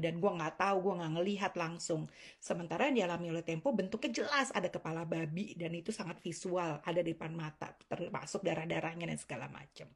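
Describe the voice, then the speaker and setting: A woman's voice: lowish voice, slightly rough. A woman, telling a personal story in a casual, reflective monologue. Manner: conversational, reflective storytelling with fillers. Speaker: commentator.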